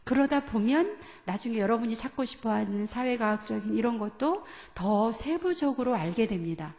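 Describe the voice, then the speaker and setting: A woman pastor teaches from the pulpit of a church sanctuary, her slightly high, darkish voice lively in intonation and moderate in pace. She questions the congregation and guides them through reading scripture together, with a long reverb trailing her words.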